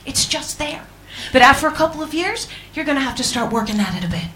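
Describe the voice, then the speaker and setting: A woman's voice: high-pitched, lively intonation, quick pace, sharp tone, slight background noise. A woman with an American accent, born in England, doing a stand-up set with crowd work, teasing and swearing and laughing between jokes. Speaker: stand-up comedian. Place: comedy club stage before a live audience.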